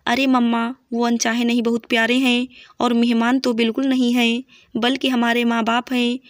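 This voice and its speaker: A woman's voice: on the high side, level tone, moderate pace, no room sound, studio quality, lightly acted. A woman voicing an eager, earnest young daughter-in-law in a storybook reading.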